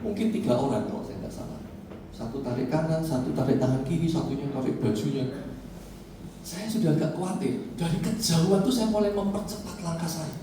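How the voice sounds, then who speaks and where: A middle-aged man preaching a sermon as pastor, with passionate, drawn-out emphasis and sudden swings from soft to loud. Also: a little high, noisy background. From Indonesia. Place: large church hall. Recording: echoey church hall, mic at a distance.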